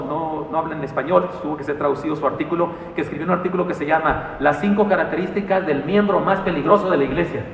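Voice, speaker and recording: A man preaching a sermon in a church, animated and telling stories with humor and asides. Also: a little high, far from the mic, slight background noise. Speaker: pastor. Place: church sanctuary. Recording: echoey hall, mic from afar.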